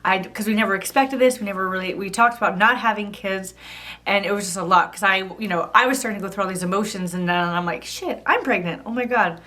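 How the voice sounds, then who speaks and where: A woman's voice: mid-range voice, fairly even intonation, quick pace, pushed and bright. A thirty-year-old woman vlogging, telling a personal story in a chatty, casual way with lots of "like". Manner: chatty, fillers of "like" throughout.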